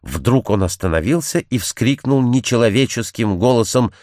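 Timid young woman recounting a secret, earnest and measured, lively intonation; male reader doing her. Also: medium pitch, dry recording, clean studio sound, close to an everyday voice.

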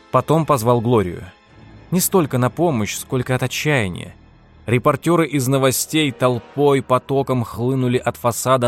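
A man narrating an audiobook in a steady, measured reading style. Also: medium pitch. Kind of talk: scripted narration.

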